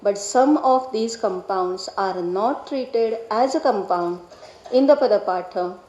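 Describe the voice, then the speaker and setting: A woman delivers a formal lecture in a measured, deliberate way, carefully spelling out each technical term. Her voice is dark and mellow. The sound carries the echo of a lecture hall. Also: mid-range voice, muffled recording. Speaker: lecturer on Vedic grammar.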